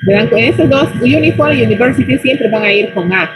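A woman teaching an online English class in Spanish, modeling English words slowly and checking whether the students follow. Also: on the high side, expressive, music in the background, rough recording.

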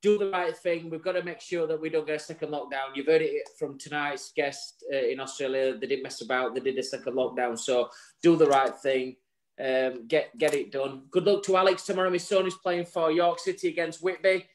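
Co-hosting a casual chat show over a video call, a man jokes and chats, dropping the odd swear word. He speaks a little fast, with a fairly high voice and fairly even intonation, into a webcam from a home room with a virtual bar backdrop.

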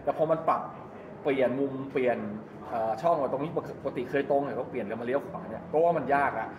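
Talking fast at a medium pitch, a middle-aged vlogger gives a casual walk-through tour of a large open-sided go-kart pit hall, explaining things to the camera. The audio from his 360 camera at arm's length sounds dull, with crowd noise, roomy echo and loud ambient sound.

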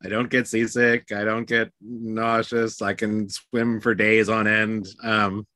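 Bright-voiced man guest on a video call. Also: on the low side, level tone, slow, no room sound. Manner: rambling, self-correcting, easygoing. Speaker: interview guest. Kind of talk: casual video-call interview. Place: home room, indoors. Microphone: video call webcam.

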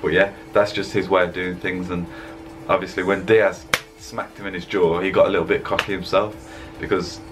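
A young man who vlogs about fitness rambles in a relaxed, casual voice-over for gym clips, talking to a webcam at his desk indoors. His low voice is flat, at a moderate pace with hardly any pauses.

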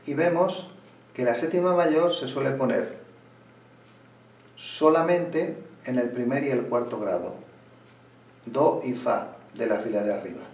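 Slow-talking man teaching guitar. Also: medium pitch, a little mellow. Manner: unhurried, pauses while playing, restarts phrases. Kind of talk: explaining at the guitar, speaking slowly. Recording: roomy room, mic at a distance. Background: guitar playing.

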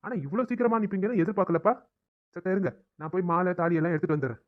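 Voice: mid-range voice, racing, lightly acted. Easygoing temple priest, voiced by an actor. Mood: knowing. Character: temple priest, middle-aged man. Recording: tinny phone-like recording.

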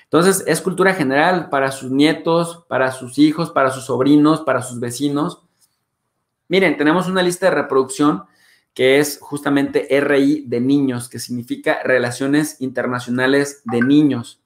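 A Mexican man with a Mexican accent hosting his show, talking in a chatty, animated way with playful swearing. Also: medium pitch, normal speed, echoey room. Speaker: host. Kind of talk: animated casual monologue.

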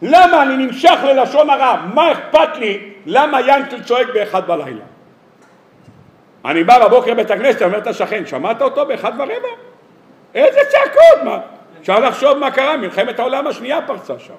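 Lively high-voiced rabbi in an echoey hall. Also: male voice. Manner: lively, humorous, rhetorical questions, acts out everyday dialogues. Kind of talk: weekly Torah sermon to an audience. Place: lecture hall or synagogue.

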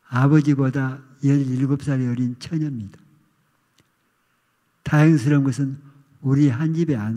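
An older male pastor giving a sermon testimony, telling a childhood story with animated, acted outcries. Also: medium pitch. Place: church sanctuary. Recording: long reverb of a church hall.

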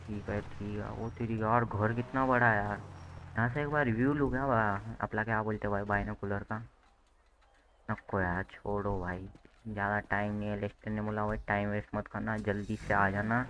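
A man's voice: on the low side, steady tone, normal speed, a little hiss or hum, poor audio. A young man, casually commenting on his gameplay and chatting to viewers as "bhai". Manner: chatty, addresses viewers as bhai, shouts when the game goes wrong. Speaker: gaming channel host.

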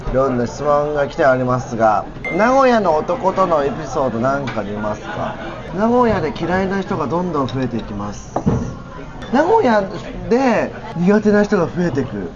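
A young male video host leads a casual chat over drinks at an indoor restaurant table, talking in a campy, effeminate style. His slightly high voice is very animated at a moderate pace, and the sound is dull with restaurant chatter behind.

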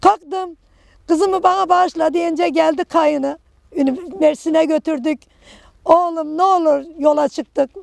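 A middle-aged woman tells her story in short, broken phrases. Her voice sits high and is heavily gravelly. The sound is dry and close. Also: steady tone, measured pace, darkish tone, no room sound. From Kahramanmaraş, Turkey. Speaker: earthquake survivor interviewee. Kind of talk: personal testimony.

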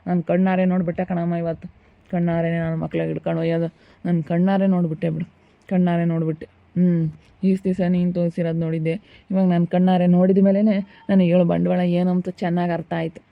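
A man's voice: high voice, level tone, quick pace, vocal fry, no room sound. A man playing a stern, fed-up village father who grumbles and complains. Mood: complaining. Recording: tinny phone-like dry recording.

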